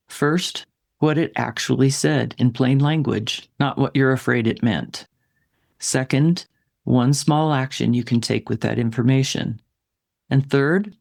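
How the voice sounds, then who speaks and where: A man talks straight to his listener in a gentle, reassuring tone. His voice has a steady gravelly texture at a middle pitch. The sound is dry and close, like a solo podcast recorded on a studio mic. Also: no echo. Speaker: writing coach and podcast host.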